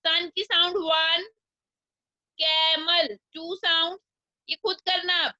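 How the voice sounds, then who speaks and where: Indian lady teacher, high bright voice, slowly sounding out words for little kids in an online class. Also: steady tone. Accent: Indian English. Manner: slow, breaks words into sounds. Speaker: primary school English teacher. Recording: dull lo-fi online class audio.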